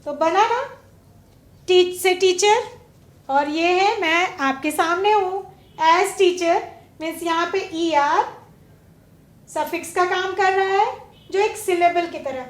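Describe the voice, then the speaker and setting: A woman with a very high voice leads a classroom lesson. She questions her pupils and lingers over each example word. The room around her echoes. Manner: slow, drawn-out stress on example words; asks pupils questions and waits. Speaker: teacher. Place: studio classroom.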